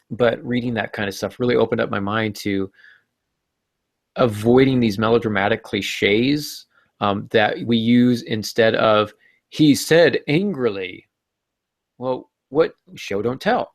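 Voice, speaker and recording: A man with a mid-range voice co-hosts a podcast, speaking slowly with vocal fry as he chats casually about writing craft and jokingly acts out mock quotes. The sound is clean studio audio with no echo.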